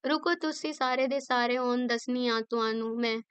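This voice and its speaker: A woman's voice: a little high, unhurried, fairly bright tone, clean tone, no room sound. A woman voicing a scolding, suspicious village housewife. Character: sharp-tongued Punjabi village housewife.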